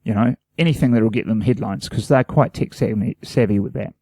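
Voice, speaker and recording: A man's voice: lowish voice, fairly quick, dark tone, breathy edge, no room sound. Earnest rambling New Zealand podcast man. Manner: earnest, rambling, self-deprecating. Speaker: podcast co-host. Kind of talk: casual chat.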